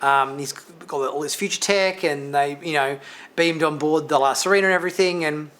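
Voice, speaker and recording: Male host, somewhat high voice, casual rambling reviewer who breaks into light laughs. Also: normal speed, a bit bright. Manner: rambling, with many fillers and restarts and light laughs. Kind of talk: casual spoken episode review.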